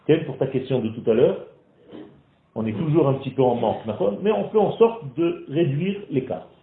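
A man teaching a group in a lively, questioning way, teasing his listeners. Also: mid-range voice, moderate pace. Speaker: Torah teacher. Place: classroom in Israel. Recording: echoey room on a tinny phone-like recording.

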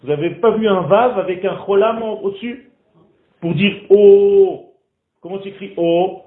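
Guy teaching a class, kinda high voice, tinny phone-like sound, lots of echo. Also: fairly quick. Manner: animated, asks the group questions, teasing. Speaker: Torah teacher. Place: classroom in Israel. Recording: echoey room on a tinny phone-like recording.

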